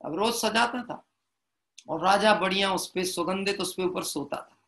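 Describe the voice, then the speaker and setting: Bright high-voiced man preaching a sermon. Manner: engages listeners with rhetorical questions, chants verses slowly. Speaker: Jain preacher. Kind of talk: devotional sermon with storytelling and verse recitation.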